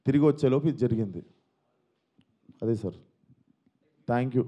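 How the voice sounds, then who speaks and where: A man's voice: medium pitch, moderate pace, mellow, slightly rough. A young man answering reporters at a press meet, earnest and pleading, repeating himself as he explains. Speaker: film actor at a press meet. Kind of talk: defensive press conference answers.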